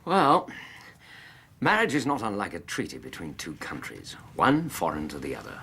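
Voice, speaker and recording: A bluff, good-humoured Victorian English doctor in a radio drama. His voice is deep and gravelly and very animated. A faint rumbling noise sits behind it. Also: normal speed, heavily acted. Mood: jovial, wry.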